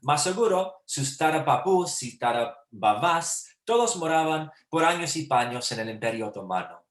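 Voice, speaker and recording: A man hosting an online talk series over a video call, making friendly, unhurried introductions. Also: a little high, very animated, a bit bright. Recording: roomy echo.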